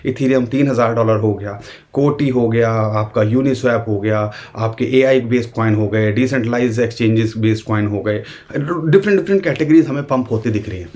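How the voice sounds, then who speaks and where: A crypto market commentator with an Indian accent talks his viewers through a market analysis in a casual, conversational way, speaking directly to them and using the royal "we." His medium-pitched voice is a little mellow, and he keeps a moderate pace.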